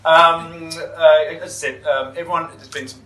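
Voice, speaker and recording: A man's voice: fairly high pitch, steady tone, normal speed, sharp tone, recorded from a distance. A man hosting a casual interview, talking with many ums and restarts and a dry humour. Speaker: interview host. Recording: roomy, echoey sound from off-mic.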